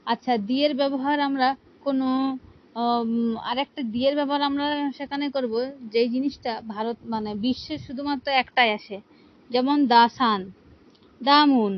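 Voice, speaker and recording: A woman's voice: high-pitched, steady tone, moderate pace, muffled recording. A woman teaching an English grammar lesson, explaining patiently and asking her students rhetorical questions. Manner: patient, asks rhetorical questions, repeats "ঠিক আছে".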